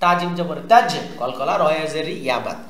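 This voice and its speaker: A man teaching Quran recitation, spelling out letters and drilling each word slowly and patiently, asking listeners to repeat after him. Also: high-pitched, expressive, a bit bright, a little hiss or hum. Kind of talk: tajweed lesson, spelling out and drilling words. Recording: echoey room.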